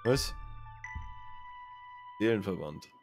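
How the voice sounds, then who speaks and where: A man casually commenting on his gameplay and reading the game's text aloud in a chatty, running flow, with loud game music underneath. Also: on the low side, expressive, extremely slow. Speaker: let's play gamer.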